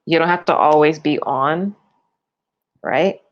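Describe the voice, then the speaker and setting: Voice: medium pitch, slow, highs cut off. A tarot reader giving a loose, chatty forecast, full of fillers and restarts and yawning often.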